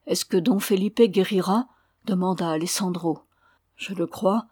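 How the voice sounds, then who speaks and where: A woman reading a classic novel aloud, gently acting out the dialogue in an even storytelling voice. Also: on the low side, no echo, clean studio sound. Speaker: audiobook reader.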